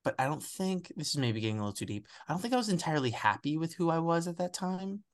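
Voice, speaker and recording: A young American actor gives a candid, reflective interview in a slightly high, sing-song voice. He often pauses and restarts while searching for words.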